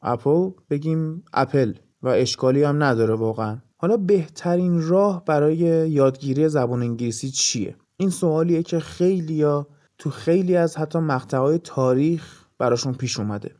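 A man's voice: a little high, mellow. Persian man hosting a podcast. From Iran. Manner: explanatory, lists ideas in short phrases. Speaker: podcast host. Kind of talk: scripted podcast monologue.

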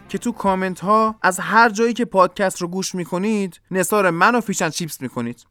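A podcast host and English teacher giving a pronunciation lesson, explaining step by step and slowly demonstrating each sound. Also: medium pitch, a bit bright.

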